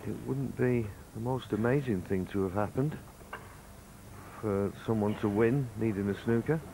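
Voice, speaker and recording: A man giving live snooker commentary in a measured, understated way, with pauses between short remarks. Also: on the low side, creaky, background noise.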